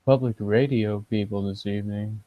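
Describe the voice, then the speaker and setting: A man's voice: lowish voice, fairly even intonation, moderate pace, dry recording, phone-quality sound. A man co-hosting a podcast in casual chat, rambling with restarts. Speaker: podcast co-host.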